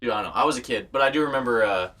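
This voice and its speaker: A man's voice: medium pitch, very fast, sharp tone. A young man hosting a podcast, rambling in laid-back casual chat full of fillers. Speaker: podcast host.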